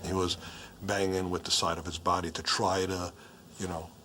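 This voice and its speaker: A man quietly recounts events in an interview. His voice is very deep and subdued. Soft music lies faintly beneath him. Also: level tone, normal speed. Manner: low, subdued recollection. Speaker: interviewee, survivor. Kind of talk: recalled interview testimony.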